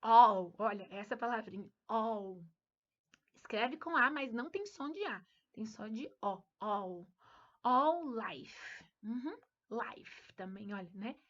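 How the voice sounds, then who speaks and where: A woman from Brazil teaching English to parents in a homeschool lesson, patient and explanatory, repeating words slowly and checking understanding. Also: fairly high pitch, animated, fairly bright tone, muffled recording.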